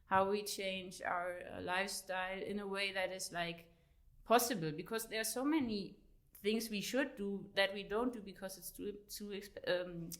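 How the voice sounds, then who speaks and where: This late-thirties woman, a guest author with a German accent, is chatty in a casual interview, leaning on fillers and laughing readily. Her medium-pitched voice is a bit bright and moves at a normal speed.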